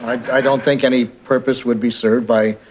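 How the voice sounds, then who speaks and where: A man's voice: medium pitch, little pitch movement, moderate pace, background noise, lightly acted. A man playing an uptight innkeeper who stammers and hesitates. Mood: hesitant.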